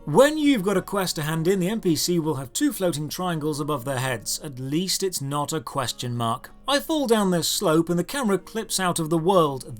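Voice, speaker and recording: A man hosts a scripted video game review, putting things in a dry, sardonic, deliberate way. His voice sits a little high.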